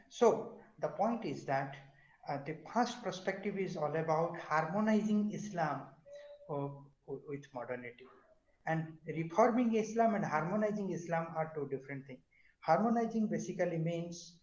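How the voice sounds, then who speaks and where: A man's voice: fairly high pitch, darkish tone. A middle-aged man, a professor lecturing an online class and quizzing his students, with many fillers and restarts. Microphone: video call. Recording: echoey, dull online class audio.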